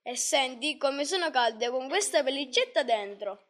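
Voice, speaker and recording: A woman voicing a poor, kind-hearted male shoemaker in a storybook reading, in a cheerful, gentle manner. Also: high-pitched, lively intonation, unhurried.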